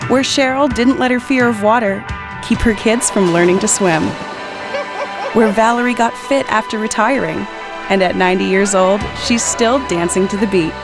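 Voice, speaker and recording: A woman's voice: medium pitch, moderate pace. A woman reading a scripted, inspirational advert narration. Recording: loud music bed behind voice. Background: loud music.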